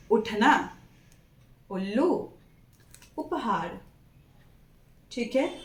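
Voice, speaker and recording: Woman teacher doing a kids letters lesson, slightly high voice, says each word twice, keeps checking in, echoey room. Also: darkish tone. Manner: patient, stresses each word, repeats and checks with "ठीक है". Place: classroom.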